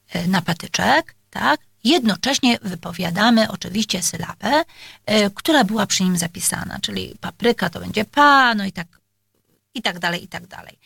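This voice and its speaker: A woman's voice: medium pitch, creaky, fairly bright tone, dry recording, studio quality. A woman speech therapist explaining exercises to parents, talking with many hesitations and filler sounds and addressing her listeners politely.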